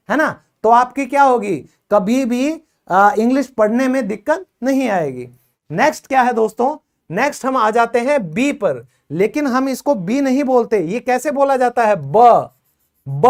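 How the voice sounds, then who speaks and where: A man teaching English phonics, explaining in Hindi, praising and quizzing his students as he goes. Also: very high voice. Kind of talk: classroom phonics lesson.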